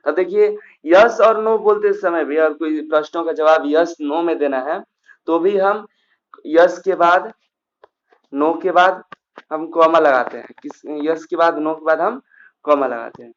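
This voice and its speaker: A man teaching a grammar class, walking through each point step by step, often pausing on fillers and starting over. His voice sits a little high. The recording sounds dull and lo-fi. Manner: explains step by step with frequent fillers and restarts.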